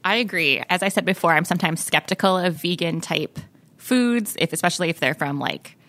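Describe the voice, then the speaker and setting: Bright, low-voiced woman on a podcast. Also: brisk. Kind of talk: casual podcast chat.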